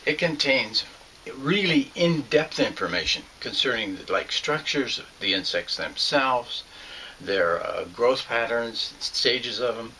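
An older man explains his methods in a plain, earnest teaching voice with a few fillers and restarts. His tone is bright and forward at a middle pitch. He speaks from a small room at home, heard at desk distance from the camera. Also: animated, slow pace, a little hiss or hum. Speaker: fly fishing instructor. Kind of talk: instructional narration.

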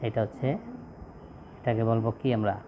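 A man teaching Arabic reading, going slowly and repeating each sound, asking questions and then answering them himself. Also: fairly low pitch, level tone, muffled recording, slight background noise. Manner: slow, repetitive, asks questions and answers them. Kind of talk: step-by-step lesson.

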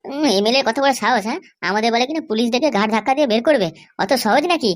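In exaggerated comedy-cartoon dialogue, a woman voices a boastful, defiant schemer full of confident threats. She talks very fast, her voice on the high side yet close to an everyday sound.

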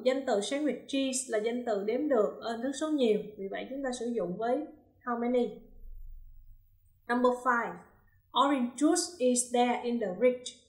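A woman English teacher giving a recorded lesson. She reads example sentences slowly and carefully, then explains each answer step by step. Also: fairly high pitch. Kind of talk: recorded classroom lesson, explaining grammar exercises. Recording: roomy, echoey room.

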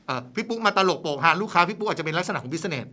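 A man's voice: on the high side, racing. A man talking as a guest expert on a radio talk show, explaining casually and dotting his sentences with polite fillers. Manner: lively explaining, many "na khrap" fillers.

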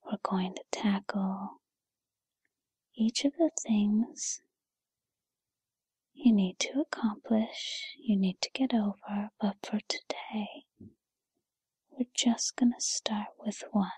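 A kindly, patient fairy godmother, played by a woman in a whispered role-play. She speaks in a very breathy, soft-edged whisper, taking her time. Her manner is soothing and encouraging as she reassures the listener. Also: mid-range voice, no room sound. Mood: gentle, reassuring. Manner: soothing, encouraging, unhurried second-person address.

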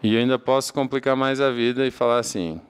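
This man, from Portugal and speaking with a European Portuguese accent, leads an English grammar lecture where he asks and answers his own questions. His voice is mid-range, clear and resonant, and he talks fast.

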